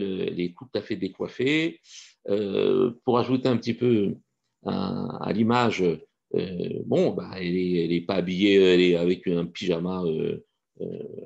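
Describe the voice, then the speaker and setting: A man teaching a Torah lesson, telling a story in an animated way with many hesitations. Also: low-pitched, vocal fry. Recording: dull lo-fi recording.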